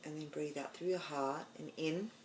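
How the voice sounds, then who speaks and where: A woman with an Australian accent, hosting a podcast and leading a slow, soothing guided meditation. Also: low voice, fairly even intonation, a little hiss or hum. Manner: slow, soothing, soft-spoken guidance. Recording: roomy with faint background ambience.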